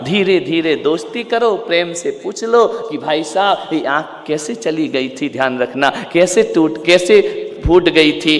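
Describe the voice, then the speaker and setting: Preacher, male, higher-pitched voice, hushed asides and shouted peaks, long hall echo. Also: expressive, a little slow. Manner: asks the listeners direct questions. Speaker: Jain monk preacher. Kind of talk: sermon to a live audience.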